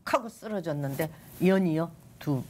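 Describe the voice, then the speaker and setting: Older female guest, low-pitched, expressive and dramatic in her delivery, telling a personal faith story on a talk show. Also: unhurried, slight background noise. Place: TV studio.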